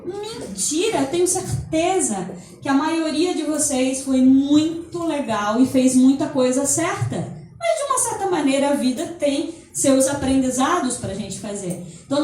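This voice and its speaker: A woman gives a motivational talk, acting out inner voices and laughing often. Her voice sits high. She is heard from a distance, in a strongly echoing hall with faint background noise. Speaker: speaker at a holistic center. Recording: echoey hall from far off.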